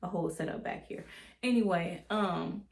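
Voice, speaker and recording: A woman's voice: on the low side, normal speed, gravelly. A woman vlogger talking through a controversy in casual commentary, chatty and joking with slangy asides.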